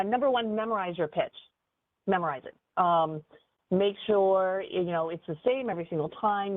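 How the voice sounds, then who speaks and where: A woman business advisor giving a webinar training in an animated, conversational way, with frequent fillers. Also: fairly low pitch, dry recording. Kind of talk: webinar presentation. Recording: tinny phone-like dry audio.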